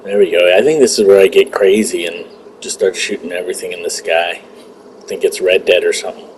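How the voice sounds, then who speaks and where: A man's voice: low-pitched, steady tone, a little fast, a little hiss or hum, rough recording. A man giving casual, rambling commentary over a hunting video game, often restarting his words. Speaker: gaming channel host.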